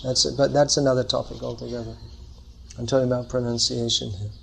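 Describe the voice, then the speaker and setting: A man's voice: mid-range voice, level tone, fast, creaky, slight background noise. Man explaining a scripture class. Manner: explanatory, thinking aloud. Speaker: teacher leading a scripture class. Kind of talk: lecture with audience questions.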